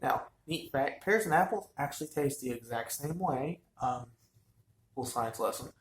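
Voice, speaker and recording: Casual male vlogger, loose rambling delivery, middle-pitched voice, echoey room. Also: expressive, moderate pace. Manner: rambling, chatty, frequent fillers. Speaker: vlogger reviewing wine. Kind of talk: casual chat.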